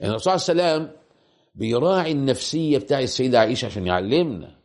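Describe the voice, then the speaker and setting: Egyptian man preaching, rapid gravelly delivery, repeats himself for emphasis. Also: medium pitch, animated, a little mellow. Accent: Egyptian Arabic. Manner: rhetorical questions and emphatic repetition. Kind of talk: colloquial religious lecture.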